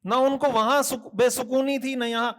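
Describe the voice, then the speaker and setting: High-pitched earnest preacher man. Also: steady tone, fairly bright tone. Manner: rhetorical questions, listing repetitions, earnest admonishing. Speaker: mufti preacher. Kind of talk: Thursday night sermon.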